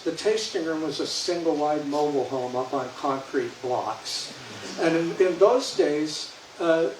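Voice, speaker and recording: A man's voice: on the high side, far from the mic. An older man giving an anecdotal slide presentation as a guest speaker, rambling and often restarting his sentences. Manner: rambling, with frequent restarts and repeated words. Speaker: guest speaker at a historical society. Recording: echoey hall taken from afar with faint noise.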